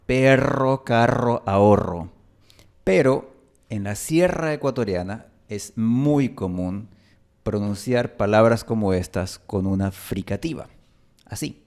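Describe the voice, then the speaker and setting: In a slightly mellow voice, a man with a highland Ecuadorian Spanish accent runs a language lesson, spelling sample words one by one and going over them again.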